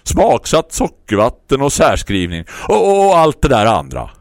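Guy doing a fired-up shouty neighbor man, way higher than his own voice, preachy and urgent, dry sound. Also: huge pitch swings, no echo. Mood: fervent. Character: excitable male neighbor, fervent protester.

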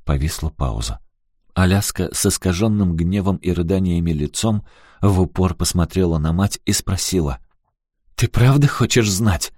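A man narrating an audiobook in a measured, even reading. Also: low voice, dry recording, studio quality.

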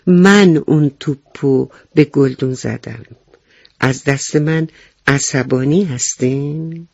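A man's voice: mid-range voice, gravelly, dry recording, highs cut off. A man voicing an eager, honest young boy mouse in a children's story. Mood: earnest.

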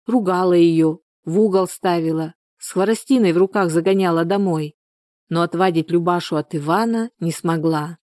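A woman calmly narrating a story as a storybook reader. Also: lowish voice, dry recording, studio quality. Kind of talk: storybook reading.

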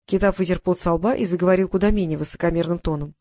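A woman narrating a fantasy audiobook in an even, clear reading. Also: lowish voice, quick pace, no echo, clean studio sound. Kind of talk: storybook narration.

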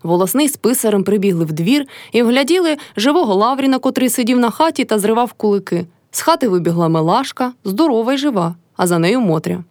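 A woman's voice: fairly high pitch, expressive, quick pace, few pauses, darkish tone, no room sound, clean studio sound. Woman reading a classic novel aloud. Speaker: reader.

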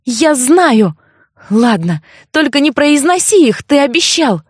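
A frightened young heroine from a storybook, read by a woman narrator somewhat higher than her narrating voice. She pleads with rising urgency. The voice is close and dry. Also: big pitch swings, slow, no echo, exaggerated voice. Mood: pleading.

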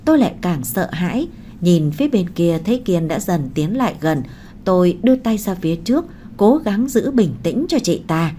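A woman narrating a first-person audiobook story in an emotional, expressive way. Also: on the low side, moderate pace, slight background noise.

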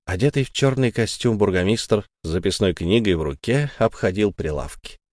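A man narrating an audiobook story in a measured storytelling manner. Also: fairly low pitch, animated, no echo, clean studio sound.

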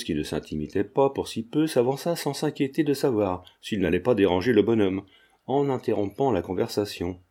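A man reading a novel aloud as an audiobook narrator, in measured scripted narration. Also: medium pitch, dark tone. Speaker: audiobook reader.

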